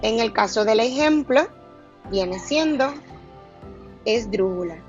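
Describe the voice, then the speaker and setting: A woman teacher giving a recorded grammar lesson, stressing each syllable slowly and deliberately. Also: fairly high pitch, expressive, highs cut off, faint music behind.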